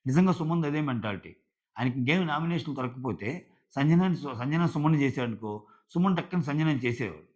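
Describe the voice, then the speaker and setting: Male reviewer, mid-pitched, chatty, retells scenes by quoting people; slightly muffled recording. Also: lively intonation, brisk, darkish tone. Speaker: reality show reviewer. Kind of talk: casual recap commentary.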